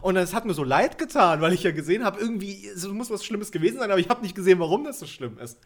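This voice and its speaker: A man's voice: sits high, animated, rapid-fire. A man in casual conversation, telling a workplace story animatedly, laughing easily and tripping over his words. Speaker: podcast co-host. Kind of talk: casual chat.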